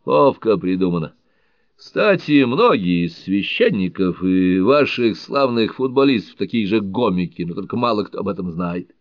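A man reading an audiobook thriller, voicing a scornful, blunt middle-aged man who talks loudly and mockingly, on a dull lo-fi recording. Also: fairly low pitch, lively intonation, moderate pace, no room sound, lightly acted. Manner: loud, mocking, provocative.

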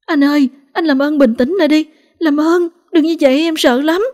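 A woman's voice: steady tone, normal speed, darkish tone, close to an everyday voice. A woman putting on a terrified young wife begging. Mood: desperate pleading. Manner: pleading, high and tearful.

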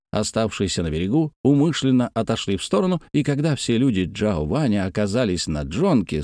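A man narrating a story aloud, addressing his listeners, with expressive reading. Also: medium pitch, no echo, studio quality.

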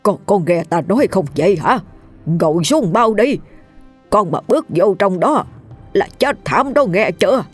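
A woman's voice: mid-range voice, expressive, unhurried, husky, soft background music. A woman with a Southern Vietnamese accent voicing a feeble, stern old male exorcist who stammers out commands.

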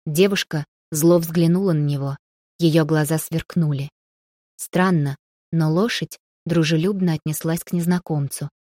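A woman reads a novel aloud in a measured storytelling manner. Her voice sits low with a dark, mellow color. The recording is close and dry. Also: no echo. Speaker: audiobook narrator. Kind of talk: scripted narration.

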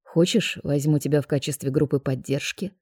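A woman's voice: deep voice, steady tone, brisk, darkish tone, no echo, clean studio sound, voice pushed down. A woman voicing a cocky, teasing young male television presenter in an audiobook. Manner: smug, mocking.

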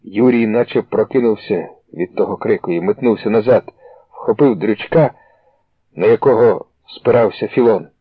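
A man reading a story aloud in a steady, measured, slightly dramatic way. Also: on the low side, breathy edge, dry recording. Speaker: audiobook reader. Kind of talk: storybook narration. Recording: dry, tinny phone-like sound.

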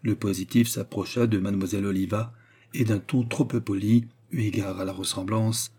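A man narrating a classic novel as an audiobook, in a measured, steady storytelling voice. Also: lowish voice, husky.

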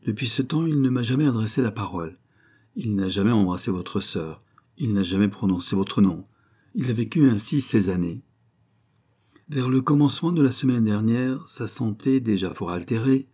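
A man reading the part of a grieving, anguished noble mother in an audiobook, with a husky voice and a solemn way of telling. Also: fairly low pitch, lively intonation, moderate pace, dark tone. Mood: sorrowful.

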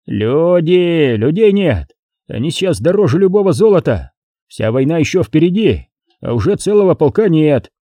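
A man's voice: fairly high pitch, big pitch swings, normal speed, mellow, dry recording, pitched above the performer's own voice. A man voicing a blunt old war commander who barks orders and grumbles. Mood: grumbling.

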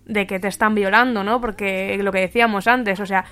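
A woman's voice: medium pitch, fairly even intonation, brisk, a bit bright, faint music behind. A woman in a casual discussion, thinking aloud hesitantly. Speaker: radio show participant.

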